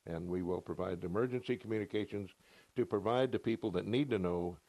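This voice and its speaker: Speaking into a reporter's handheld microphone, this older ham radio operator gives straightforward technical answers for a TV news piece, first in his home radio room and later in a parked truck. He has a deep, somewhat mellow voice, talks fairly quickly, and there's no room sound.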